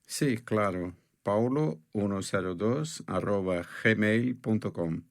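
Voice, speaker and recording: A young Brazilian student in a textbook audio dialogue, answering briefly. His voice is very low and slow. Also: gravelly, no room sound, studio quality. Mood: plain. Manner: short, plain answers. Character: nineteen-year-old Brazilian male student.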